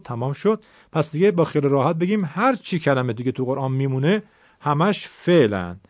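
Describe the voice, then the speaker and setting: With a slightly high, somewhat mellow voice, a man patiently teaches the rules of Quran recitation one step at a time, asking his students questions as in a classroom. The recording is dry, dull, and lo-fi.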